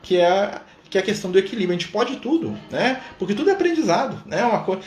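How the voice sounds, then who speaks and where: A man's voice: sits high, big pitch swings, darkish tone, a little hiss or hum. Brazilian man in an echoey room. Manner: conversational, fills pauses with a questioning "né?". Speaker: spiritist study group leader. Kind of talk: live-streamed study talk. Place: room at a community center.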